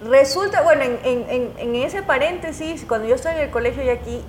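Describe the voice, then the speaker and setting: A woman journalist, telling her own stories as an interview guest in an animated, emotional way, full of restarts. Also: sits high, brisk, slight background noise. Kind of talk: casual conversational storytelling. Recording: echoey room.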